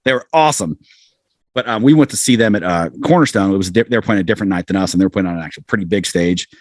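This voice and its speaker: A middle-aged man with a deep voice talks very fast as a podcast guest, telling self-deprecating anecdotes and acting out quotes in a casual interview chat. The audio is studio quality with no room sound.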